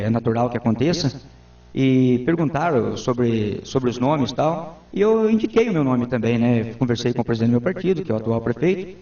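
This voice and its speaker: A man's voice: mid-range voice, dark tone. A man in his forties, a town councilman, giving earnest, formal answers in a local TV interview. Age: 40s. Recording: roomy, distant, dull lo-fi sound.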